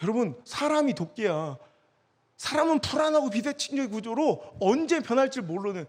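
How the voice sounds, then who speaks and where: Impassioned high-voiced male preacher. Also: sing-song, moderate pace. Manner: impassioned, swings from shouting to hushed storytelling. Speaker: pastor. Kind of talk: revival sermon. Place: church hall at a youth retreat.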